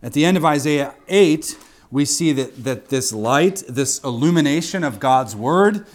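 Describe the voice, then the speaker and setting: A man's voice: a little high, lively intonation, unhurried. A man preaching an expository sermon in a teacherly way, repeating key phrases for emphasis and checking in with his listeners. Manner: didactic, with rhetorical questions and asides to listeners.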